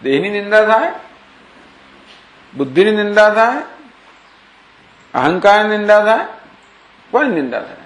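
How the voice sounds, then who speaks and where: A man's voice: high-pitched, very animated, measured pace, long pauses, fairly bright tone. Gujarati spiritual teacher man, echoey hall. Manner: explains verses with questions and examples. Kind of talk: scriptural discourse.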